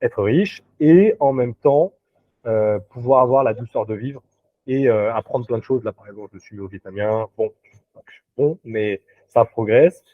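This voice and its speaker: A man's voice: medium pitch, unhurried, no echo. Man on a dry, tinny video call. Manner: hesitant, many fillers and restarts. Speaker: recruiter, interview guest. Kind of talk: casual interview chat.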